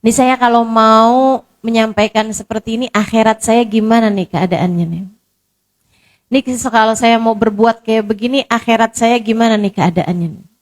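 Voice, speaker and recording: A woman's voice: fairly high pitch, steady tone, normal speed. A woman preacher giving a casual, conversational sermon, full of repetition and rhetorical questions. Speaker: Islamic preacher.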